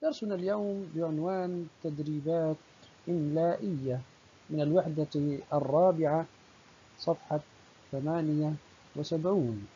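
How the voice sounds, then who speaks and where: A primary school teacher giving a recorded lesson, speaking slowly and deliberately and stretching out the example words. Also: medium pitch, dark tone, a little hiss or hum. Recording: dull lo-fi recording.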